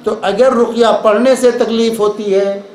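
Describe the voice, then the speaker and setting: High-pitched man lecturing in an echoey hall. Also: unhurried. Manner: calm explanatory, repeats points for emphasis. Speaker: Islamic lecturer. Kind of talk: lecture with audience questions. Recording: echoey hall with faint noise.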